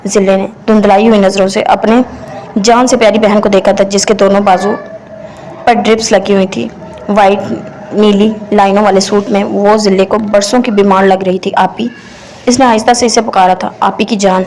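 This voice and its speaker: A woman reading a romance novel aloud in slow, measured narration. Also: mid-range voice, flat delivery, a little mellow, slight background noise.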